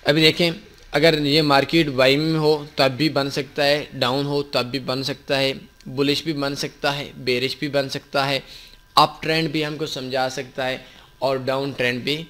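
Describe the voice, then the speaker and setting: A man's voice: mid-range voice, little pitch movement, fairly bright tone. A man teaching a forex tutorial, explaining a chart step by step with patient repetition and mixed in. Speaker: forex trading instructor. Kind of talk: screen-recorded tutorial explanation.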